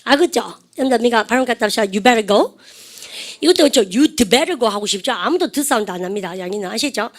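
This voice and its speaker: A middle-aged woman gives an animated English grammar lesson in a slightly high voice. She keeps prompting her class to repeat after her and drops into slow, careful English for the drill phrases. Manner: coaxing, calls students to repeat phrases; switches between dialect-tinged Korean asides and slow English drills. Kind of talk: lively classroom-style lecture.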